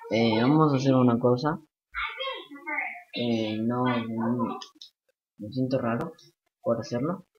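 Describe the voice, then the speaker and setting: A man doing excitable let's play commentary for his gaming channel, swearing and repeating words in quick bursts. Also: mid-range voice, muffled recording. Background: video game music.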